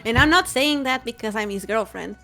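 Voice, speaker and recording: A woman's voice: a little high, lively intonation, brisk, creaky. A young woman chatting casually on a livestream as a player, playful and teasing with frequent giggles. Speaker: player, co-host guest. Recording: faint music behind.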